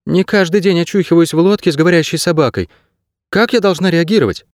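Brief: male reader doing a curious, chatty teen girl in an audiobook, high and lively. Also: brisk, no echo, clean studio sound. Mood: startled. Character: frightened teenage schoolgirl, curious and chatty.

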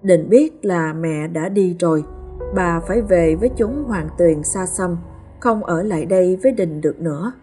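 A woman's voice: fairly low pitch, moderate pace, mellow, soft background music. Somber woman narrating a ghost story.

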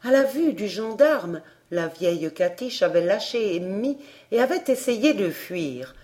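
Slow, expressive woman reading a storybook. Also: mid-range voice. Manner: expressive and measured. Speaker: audiobook reader. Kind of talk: storybook narration.

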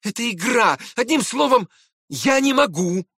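A man's voice: very high-pitched, unhurried, husky, dry recording, studio quality, pitched above the performer's own voice, heavily acted. A man reading aloud and voicing a proud, hot-tempered young man who argues with indignant urgency. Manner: excited, indignant pleading.

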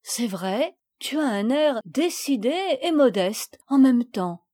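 A woman voicing a lively, hot-tempered boy, indignant and eager. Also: a little high, takes it slowly, no echo, studio quality. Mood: curious.

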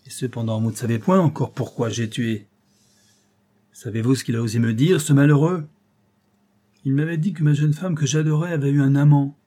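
A man's voice: medium pitch, brisk, warm tone, voice pushed up, lightly acted. Man doing an enraged guilt-torn count. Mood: anguished confession. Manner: vehement, anguished, bitter.

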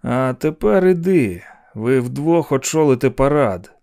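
A man voicing another man who shouts hoarsely across a fire scene, in an audiobook narration. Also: mid-range voice, lively intonation, a little slow. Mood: shouting. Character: man shouting warnings beside a burning house.

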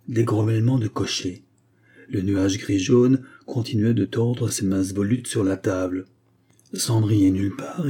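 A man narrating a first-person ghost story in a measured, atmospheric reading. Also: on the low side, dark tone, breathy edge. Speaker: audiobook narrator.

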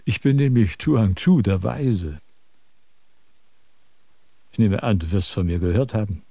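Give me a pompous, preachy sage in a radio drama, mellow and dry. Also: male voice, lowish voice, unhurried, vocal fry, no room sound. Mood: lecturing. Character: self-important male sage, lecturing, fussy.

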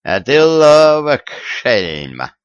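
A man voicing a gruff, scolding old tsar. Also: lowish voice, very animated, takes it slowly, fairly bright tone, dry recording, exaggerated voice. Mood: stern. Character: stern, mocking old Russian tsar. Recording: dull, dry lo-fi recording.

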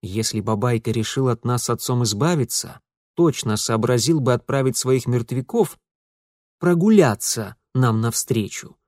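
A man's voice: medium pitch, normal speed, a little mellow, no room sound, lightly acted. A man reading an audiobook, voicing Mitya, a dry, sarcastic young man, close to his own reading voice. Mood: sardonic. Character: sardonic young man, wry and grumbling.

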